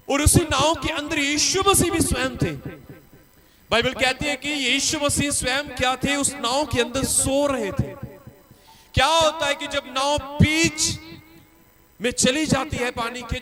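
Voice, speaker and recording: Man, pastor, sermon, very high-pitched, emphatic, repeats himself, crowd noise behind. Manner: emphatic, repetitive preaching with hallelujah calls.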